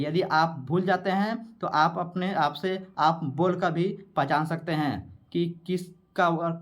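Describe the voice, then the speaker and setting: Man quizzing himself through a lesson. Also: a little high. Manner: repetitive, quizzing, asks and answers himself; sounds out letters slowly. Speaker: teacher. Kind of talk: exam-prep grammar lesson.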